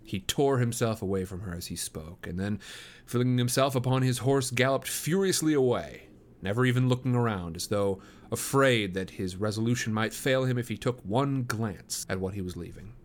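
A man hosts a read-aloud, narrating a classic novel at a measured, even pace. His voice sits at a plain middle pitch. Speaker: host reading a novel aloud. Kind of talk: audiobook-style narration.

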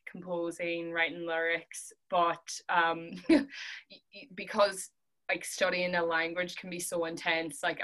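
A young Irish woman with a Donegal accent talks casually as an interview guest. Her voice sits a little low for a woman and has a bright, forceful edge. She speaks in a chatty, informal way. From Donegal, Ireland. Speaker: podcast guest, singer-songwriter.

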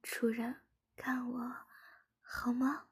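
Brief: tearful begging wife, high and breathy, whispered role-play, as a woman puts her on. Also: steady tone, measured pace. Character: tearful pleading young wife.

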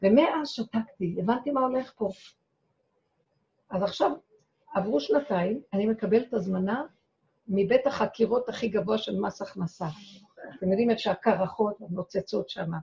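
Gravelly, mellow-voiced woman telling her story. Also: medium pitch, long pauses, dull audio. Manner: dramatic storyteller who acts out her own cries and quotes. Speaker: rebbetzin giving a talk. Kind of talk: personal testimony told to an audience.

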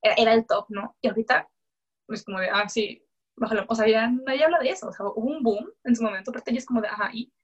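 Lively young woman telling her story. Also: on the high side, very fast, slightly rough, highs cut off. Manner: animated storyteller who acts out her own past words; frequent fillers and self-corrections. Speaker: guest sharing a faith testimony. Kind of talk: casual personal testimony.

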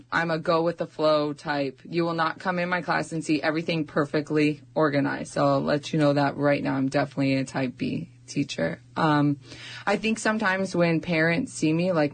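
Young woman w a low voice, chatty, lots of likes and ums, just talking about her class. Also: vocal fry. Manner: chatty, uses many fillers. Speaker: first grade teacher. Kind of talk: casual radio interview.

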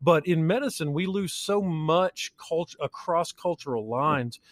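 A man who works as an emergency physician, talking in a podcast interview as an animated storyteller with jokey asides. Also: on the high side, a little slow, no echo, clean studio sound.

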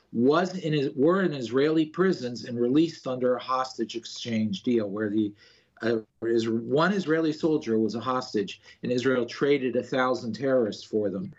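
A man speaks as an analyst in a news interview. His voice is husky and mid-pitched, with a slightly dull recording. He explains his points haltingly, often doubling back on words. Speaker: political analyst interviewed as a guest.

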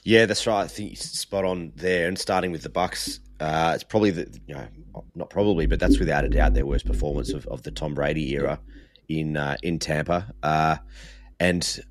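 A man giving casual sports analysis as a podcast co-host, repeating words as he builds each point. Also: very deep voice.

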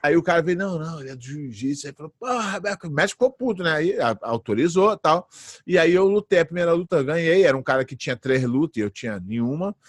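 A man near forty recounts his fights in a relaxed interview, acting out the voices of people in his stories. His voice sits a bit high for a man. The sound is dry and close, with no room around it. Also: fast talker, no echo. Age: late 30s. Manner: animated anecdotes, acts out quoted voices. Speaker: guest, jiu-jitsu fighter. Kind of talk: casual storytelling interview.

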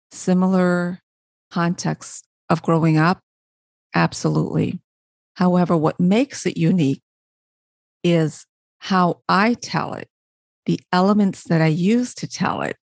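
Gravelly-voiced woman from Barbados. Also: on the low side, darkish tone, dry recording. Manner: poses rhetorical questions and answers them herself; often checks in with a tag "right?". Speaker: podcast host. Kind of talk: motivational podcast monologue.

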